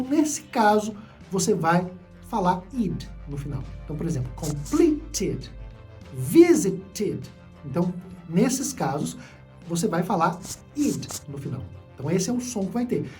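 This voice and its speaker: A man's voice: sits high, dark tone. A man teaching an online English lesson, explaining patiently and often checking in with short tag questions. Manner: explanatory, repeats key points, frequent "né?" and "tá?" checks.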